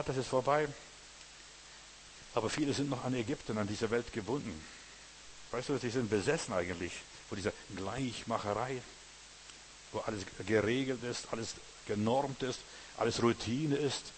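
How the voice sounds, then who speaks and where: A man's voice: medium pitch, slight background noise. Folksy man preaching a sermon. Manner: folksy, keeps asking "weißt du", "verstehst du".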